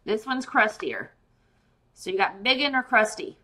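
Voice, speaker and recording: A woman's voice: mid-range voice, very animated, a little slow, pushed and bright, poor audio. A woman hosting a live pearl-opening sale, chatting casually and gushing to viewers by name. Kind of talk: casual live-stream sales chat.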